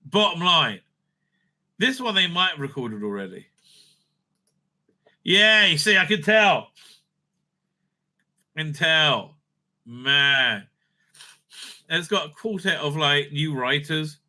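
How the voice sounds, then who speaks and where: A man giving unscripted, profane, opinionated commentary as a video host, stammering and repeating himself in an excitable way. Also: on the high side, takes it slowly, pauses often.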